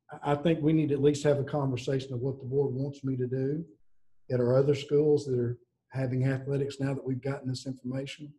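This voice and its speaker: A man's voice: medium pitch, mellow, poor audio. A man speaking earnestly on a video call in an office, often restarting his sentences. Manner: earnest, halting, many restarts. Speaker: school district director. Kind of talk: board meeting remarks.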